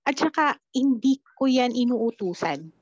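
A woman telling her experiences as a podcast guest, quoting her own dialogue in a blunt, animated way. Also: on the high side, measured pace, no echo, muffled recording. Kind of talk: casual storytelling chat.

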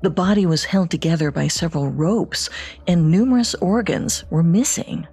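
Husky woman narrating true crime. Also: on the low side, animated, moderate pace, warm tone. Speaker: podcast co-host.

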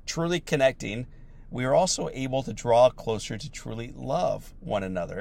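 A man whose voice is still a little rough from laryngitis speaks at medium pitch with a somewhat dark tone. His motivational talk is sincere and thoughtful, circling back to key phrases to stress them.

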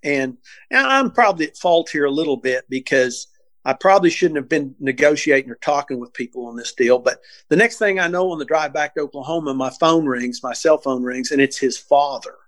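Man telling a story, animated. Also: on the high side, a little fast, dry recording. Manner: animated, acts out quotes, frequent restarts. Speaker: wildlife officer telling a case story. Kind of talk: casual storytelling interview.

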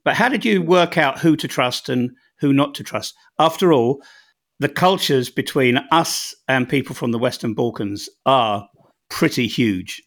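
An English-accented man hosts a conversation and asks curious, probing questions. He sometimes pokes fun at himself. His voice sits at an ordinary middle pitch. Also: expressive, a little slow. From England. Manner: inquisitive, self-deprecating. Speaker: podcast host. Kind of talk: interview conversation.

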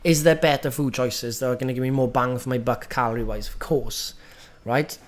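Brief: man, nutrition coach, mid-pitched, direct and emphatic teaching. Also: steady tone, a little fast. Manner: emphatic, direct, keeps asking "right?". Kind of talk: coaching lesson.

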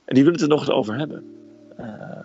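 Gravelly-voiced man telling a story. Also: mid-range voice, fast, mellow, highs cut off, soft background music. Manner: hesitant storytelling, frequent "eh" fillers. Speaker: guest telling a personal story. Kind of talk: casual spoken storytelling.

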